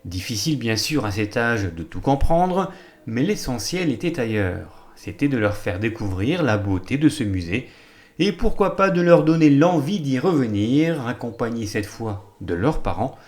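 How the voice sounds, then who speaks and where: A man narrating a scripted local television news report with a lively, rising and falling delivery. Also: medium pitch, moderate pace. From Moselle, France.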